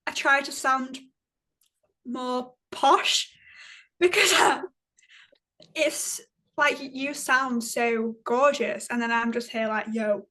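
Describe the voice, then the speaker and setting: A woman's voice: high voice, steady tone, slow pace, long pauses, pushed and bright. A young woman from England with a northern English accent, hosting a casual podcast chat, giggly and self-mocking. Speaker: podcast host.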